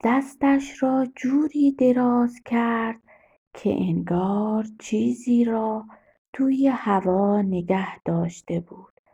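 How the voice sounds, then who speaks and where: A woman reading a children's story aloud in a gentle, expressive way. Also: fairly high pitch, slightly rough, dull audio.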